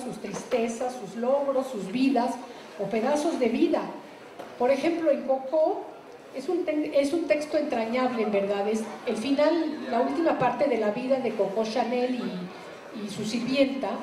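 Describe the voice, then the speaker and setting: A woman gives a reflective public talk about her translation work, pausing often with fillers and restarts. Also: fairly high pitch, mellow, roomy sound, a little hiss or hum, low-quality recording. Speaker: literary translator.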